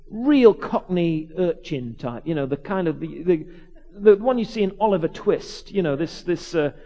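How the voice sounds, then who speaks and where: A man, a vicar, preaching by telling a lively personal story, acting out the voices of the people in it and often restarting his words. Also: on the high side, highs cut off. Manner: animated, acts out voices, quick restarts. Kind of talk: storytelling sermon.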